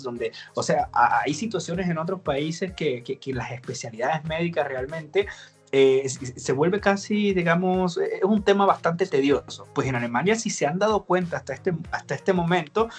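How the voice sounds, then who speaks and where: A man's voice: fairly high pitch, breathy edge. A man hosting an interview, who talks in long, winding sentences full of fillers. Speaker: interview host. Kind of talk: conversational interview.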